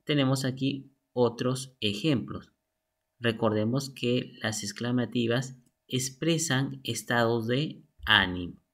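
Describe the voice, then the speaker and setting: A man's voice: medium pitch, fairly bright tone. A man teaching a lesson from slides, methodical and reading examples aloud. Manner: slow, methodical, reads out examples. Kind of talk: slide lesson on sentence types.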